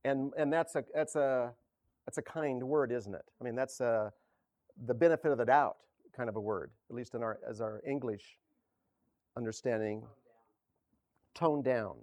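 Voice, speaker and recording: A man preaching a casual sermon, halting and correcting himself, often chuckling. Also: mid-range voice, darkish tone, no echo. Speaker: pastor.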